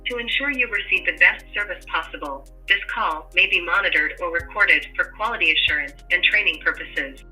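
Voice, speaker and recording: Bright woman's voice on a recorded phone menu. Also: lowish voice, soft background music, poor audio. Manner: slow, evenly paced, announcing. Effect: recorded phone menu message. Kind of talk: scripted menu prompts.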